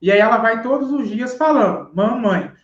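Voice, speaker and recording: A man's voice: very high voice, brisk, a bit bright. Man patiently explaining in a roomy room. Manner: patient, explaining step by step, often asks "entendeu?". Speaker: sign language teacher guest. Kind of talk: explanatory interview answers. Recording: roomy, dull live-stream audio.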